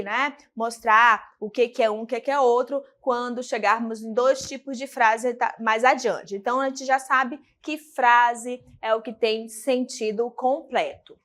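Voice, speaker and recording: Female teacher from Brazil, high pitch, didactic and patient, recorded lesson delivery. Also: a bit bright. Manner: didactic, asks and answers her own questions.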